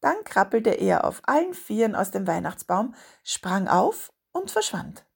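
Storyteller, woman, husky and gravelly, steady expressive reading of a children's tale. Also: medium pitch, measured pace.

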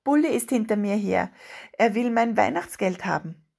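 Cool older boy, calm and protective, slightly husky, read by a woman narrator. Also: medium pitch, normal speed. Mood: hushed.

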